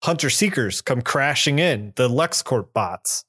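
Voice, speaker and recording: A man's voice: mid-range voice, animated, measured pace, a bit bright, husky. A man co-hosting a podcast, casually recapping a comic book, laughing often and acting out the characters' lines. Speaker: podcast co-host.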